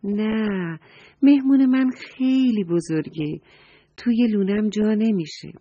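A woman voicing a small, kind, patient female swallow in a children's story, speaking gently and earnestly. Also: medium pitch, no room sound, close to an everyday voice. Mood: gentle. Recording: dull dry recording, soft music.

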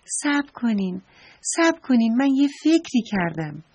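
A woman voicing a sweet, kind little rabbit in a children's story, soft and slightly breathy. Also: on the high side, very animated. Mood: gentle. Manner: gentle, polite, pleading.

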